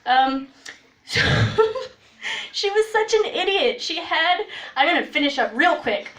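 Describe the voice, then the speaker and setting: A woman's voice: extremely high pitch, unhurried. A young woman telling funny stories on a stage, laughing as she goes and acting out what people said. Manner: animated, laughs while telling, acts out quotes. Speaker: storyteller. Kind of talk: live comedic storytelling. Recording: roomy echo, voice from far off.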